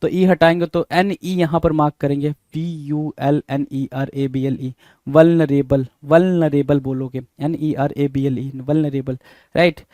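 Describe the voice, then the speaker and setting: High-voiced man spelling out words. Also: steady tone, unhurried, dark tone, dry recording, clean studio sound. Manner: repetitive, rhetorical questions, calls students "bhai". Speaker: English spelling teacher. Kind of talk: exam prep lesson, spelling out words letter by letter.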